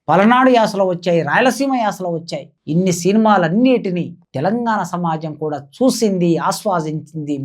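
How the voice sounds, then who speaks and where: A woman's voice: mid-range voice, darkish tone. A woman giving impassioned spoken commentary, declaiming and piling up rhetorical questions like a political commentator.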